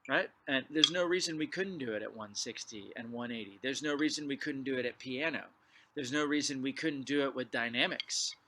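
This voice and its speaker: A man's voice: mid-range voice, brisk, very noisy. A man teaching a drumline clinic, explaining exercises and calling count-offs before he plays. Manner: counts off loudly before playing. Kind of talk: percussion lesson.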